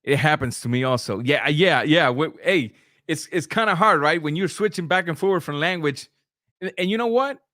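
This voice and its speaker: Fairly high-pitched and expressive, with a sharp tone and moderate pace, a middle-aged man hosts a live boxing stream and reads super chats. Spanish is his first language, and his talk is casual, with restarts and filler sounds. The recording is dry and studio-clean.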